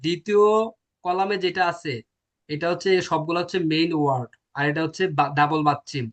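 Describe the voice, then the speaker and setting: Male teacher, a bit high-pitched, quizzes the class and answers himself. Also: a little fast, a bit bright. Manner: explains step by step, asks and answers his own questions. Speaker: language teacher. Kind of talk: classroom lecture.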